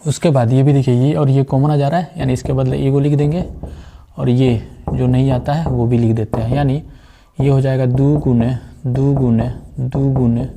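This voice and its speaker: A man's voice: medium pitch, little pitch movement, normal speed, gravelly, warm tone. A man teaching a math class, chatty and joking, often stopping to ask if the students understand. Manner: keeps asking if students understand, jokey asides. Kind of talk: chatty classroom lesson with side talks.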